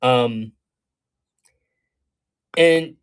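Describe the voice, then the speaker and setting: Speaking in a smooth mid-range voice and drawing out his words, a man offers astrology readings to a livestream audience. He rambles thoughtfully with plenty of fillers like um and you know, reading viewers' comments aloud and reacting as he answers the chat.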